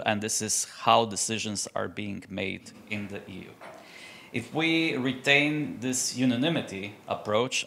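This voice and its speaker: A man's voice: mid-range voice, vocal fry, a bit bright, a little hiss or hum. Guy on a panel, earnest, keeps restarting and fixing his words. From Croatia. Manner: earnest, self-correcting, many restarts. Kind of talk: panel discussion.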